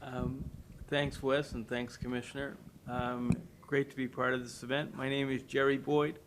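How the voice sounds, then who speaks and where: A man with a mid-pitched, monotone voice gives a short informal self-introduction as a board member. The recording is clearly noisy, with clicks. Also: moderate pace.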